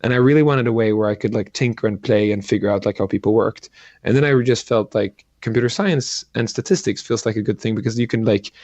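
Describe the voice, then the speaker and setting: A middle-aged man from Sweden, a guest entrepreneur talking in a casual interview, halting and restarting often with many fillers. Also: lowish voice, darkish tone, dry recording.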